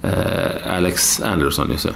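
A man's voice: low-pitched, creaky, a bit bright. A man, talking football in blunt, rambling casual chat full of fillers, with faint noise behind him. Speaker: podcast co-host.

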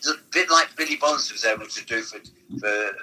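A man reminiscing about old football seasons in a casual, halting chat, often restarting his sentences. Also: mid-range voice, sharp tone, breathy edge, low-quality recording. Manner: rambling, halting storyteller with restarts. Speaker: former football club figure, guest.

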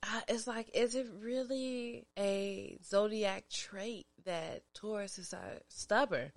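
A woman's voice: mid-range voice, slow pace. A woman in her thirties co-hosting a podcast, talking earnestly in casual banter with frequent restarts. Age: 30s. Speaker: podcast co-host.

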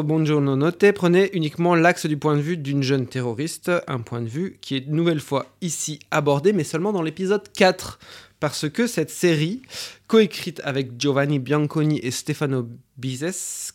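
Male podcast host, fairly high voice, lively and laughs between questions. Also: moderate pace. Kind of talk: round-table film podcast hosting.

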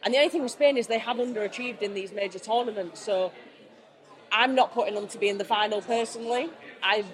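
A woman's voice: medium pitch, fast talker. A woman pundit on a sports podcast, talking casually and giving firm opinions. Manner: confident, gives firm opinions. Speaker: pundit guest.

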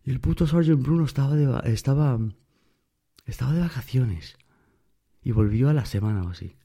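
Husky-voiced man telling stories. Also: medium pitch, normal speed, warm tone. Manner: emphatic, addresses the listener directly. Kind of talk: casual storytelling monologue.

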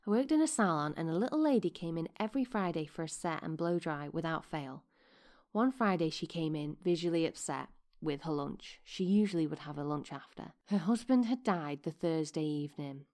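A woman's voice: deep voice, darkish tone. A woman hosting her podcast, chatting casually with whispered asides while her voice keeps cracking. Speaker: podcast host.

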